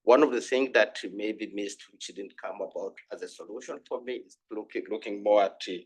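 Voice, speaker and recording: A man with a husky, lowish voice speaks earnestly at a conference panel. He talks in halting bursts and keeps restarting his sentences. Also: poor audio. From Uganda. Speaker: panel discussant.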